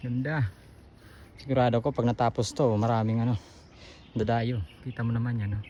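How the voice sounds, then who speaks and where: A man's voice: mid-range voice, flat delivery, fairly quick, warm tone, dull audio, slight background noise. Winded man vlogging outdoors. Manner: chatty, talks to viewers while exploring. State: out of breath. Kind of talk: casual running vlog narration. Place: outdoors on a hillside trail.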